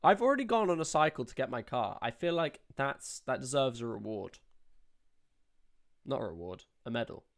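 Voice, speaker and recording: A man's voice: mid-range voice, animated, moderate pace, creaky. A young man co-hosting a casual podcast, hungover and teasing his co-host with dry jokes. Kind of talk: casual chat.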